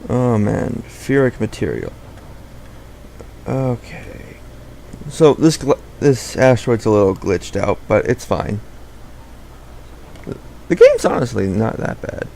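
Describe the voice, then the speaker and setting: A man's voice: mid-range voice, very animated, slow pace, creaky, long pauses, mellow, slight background noise. A young man giving casual, rambling gameplay commentary, often correcting himself mid-sentence. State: out of breath.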